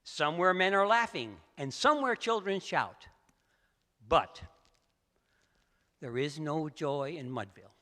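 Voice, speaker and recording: A male storyteller giving a theatrical poetry recitation, swinging from hushed lines to loud outbursts in a large assembly hall. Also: fairly high pitch, expressive, unhurried, long pauses. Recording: echoey hall.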